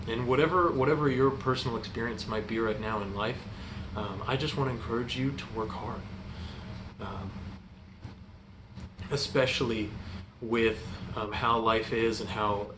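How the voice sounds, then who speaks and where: A young man giving an informal youth group sermon in an earnest, halting, hesitant way. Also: on the low side. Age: young adult. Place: indoor room in front of a stone fireplace. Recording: echoey room, clear background noise.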